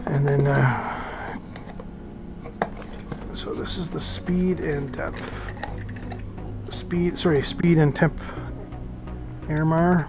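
A man's voice: fairly high pitch, fairly even intonation, drawn-out words, pauses often, over music. Rambling man unboxing gear on camera. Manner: rambling, thinks aloud with many fillers. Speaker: boating vlogger. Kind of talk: casual unboxing talk. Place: small office. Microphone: head-mounted camera.

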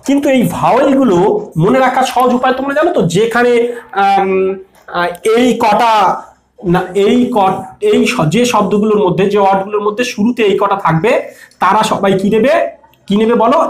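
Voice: mid-range voice, a little fast. Patient exam-prep teacher, asks and answers, roomy echo. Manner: explains patiently, asks questions and answers them. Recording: echoey room.

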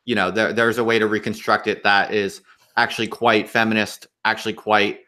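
A man's voice: lowish voice, little pitch movement, a little fast, sharp tone. A man hosting a livestream interview, asking questions politely with stumbling restarts. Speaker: host.

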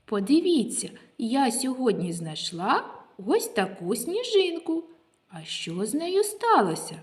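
A kindergarten teacher speaking Ukrainian with a local accent leads a literacy lesson for small children, asking them questions. Her high voice has big pitch swings, and she talks in a slow, sing-song teacher manner.

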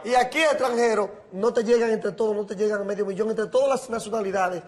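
Insistent high-voiced Dominican man. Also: fast talker. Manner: insistent, stammering restarts. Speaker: panel guest. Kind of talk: heated panel debate.

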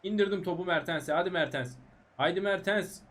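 This gaming YouTuber yells at a football game at a brisk clip, his voice high and animated. His live commentary is excited and frustrated, full of shouts at the players and sudden bursts of yelling.

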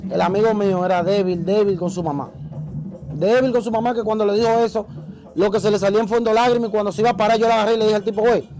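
An interview guest, a man with a high-pitched voice, tells a story in a casual, animated way and acts out the voices of the people he quotes. The recording quality is low.

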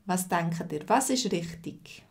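Slow, patient Swiss teacher woman. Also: on the low side, lively intonation, darkish tone. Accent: Swiss German. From Switzerland. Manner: patient, answers viewers' chat comments by name. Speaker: language teacher. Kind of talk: live-streamed language lesson.

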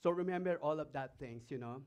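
Brisk and smooth, with a fairly high pitch and darkish tone, this Filipino-accented man preaches as a pastor. He comes from the Philippines, reads scripture aloud between remarks, and asks the congregation emphatic questions.

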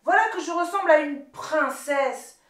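A woman's voice: high voice, normal speed, close to an everyday voice. A woman doing a vain, grumpy storybook wolf. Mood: dismayed. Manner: exclaiming in dismay. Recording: roomy, distant, ukulele music behind.

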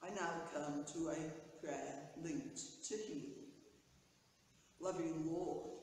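An older woman priest gives a measured reflection and prayers, seated in a small church pew. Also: sits low, darkish tone, a little hiss or hum. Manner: measured, careful delivery. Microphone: camera at a distance. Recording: echoey church from far off.

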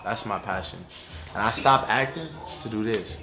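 A young man in his twenties, a YouTuber, chatting in a relaxed, slangy, rambling way in a bedroom, picked up by the camera mic. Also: lowish voice, moderate pace. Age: 20s. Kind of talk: casual vlog chat. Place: bedroom indoors. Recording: echoey room with loud music.

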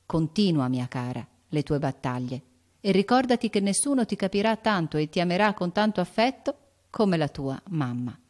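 A woman's voice: on the low side, very animated, moderate pace, a little mellow. A woman voicing a loving mother's letter to her daughter in an audiobook, tender and earnest.

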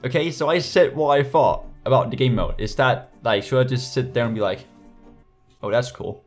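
Reading comments aloud for a casual vlog, a young adult YouTuber from Denmark speaks with a slight Danish accent at a medium pitch and normal speed. He makes sarcastic, laughing asides and restarts a lot. Soft background music plays as he records on a USB desk mic indoors in a small bedroom.

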